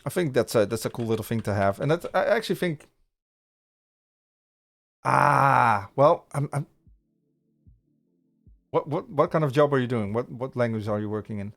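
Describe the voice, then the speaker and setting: Chatting with viewers on his live coding stream, this native Dutch speaker from the Netherlands rambles, restarts frequently and leans on fillers. He sounds animated and a bit bright at a moderate pace, with vocal fry and long pauses, all through a studio podcast mic.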